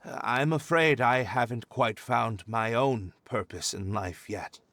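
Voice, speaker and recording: A man plays a penitent young noble in a video game cutscene, sounding disoriented and weary, hesitant, formal and earnest, with a regretful mood. His medium-pitched, slightly bright voice takes things slowly. There's slight background noise.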